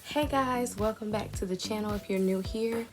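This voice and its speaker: A woman's voice: medium pitch, normal speed, over loud music. A woman vlogger chatting casually and a little self-consciously as she eats between sentences. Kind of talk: casual chat while eating.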